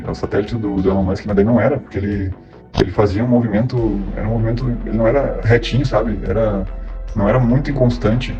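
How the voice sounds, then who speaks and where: A man from southern Brazil, speaking through a voice changer as he gives a halting, casual eyewitness account, often repeating words. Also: on the low side, warm tone, muffled recording. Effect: voice changer disguising his voice. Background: clear background music.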